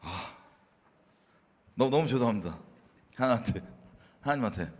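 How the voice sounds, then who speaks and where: A man in casual faith talk, animated and laughing, acting out his past self scolding others. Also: medium pitch, moderate pace, husky, long reverb tail. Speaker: co-host.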